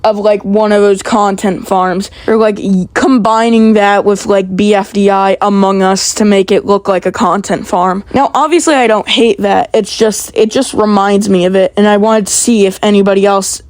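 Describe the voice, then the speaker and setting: A woman's voice: mid-range voice, steady tone, normal speed, few pauses, a little mellow, no echo. A woman giving a defensive, explanatory response to criticism in an apology video.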